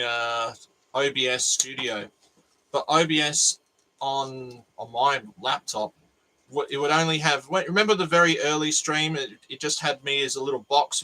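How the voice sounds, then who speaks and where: An Australian maker with a nasal voice hosts a casual livestream from his home workshop, thinking aloud and rambling with frequent restarts. His medium-pitched voice sounds pushed and bright, captured roughly by a cheap USB mic with slight background noise.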